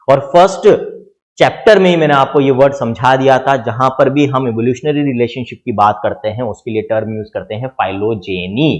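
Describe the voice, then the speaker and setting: A middle-aged man with an Indian accent teaching biology to exam students, explaining step by step with lots of rhetorical questions. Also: mid-range voice. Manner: explains with repeated rhetorical questions, calls listeners "children". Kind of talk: exam-prep lecture.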